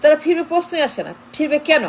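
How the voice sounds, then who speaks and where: A woman with a notably high voice delivers a political commentary monologue straight to her audience. She is emphatic and insistent, hammering each point with one rhetorical question after another. A faint hiss of background noise sits under her voice. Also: big pitch swings, quick pace, a little mellow, rough recording.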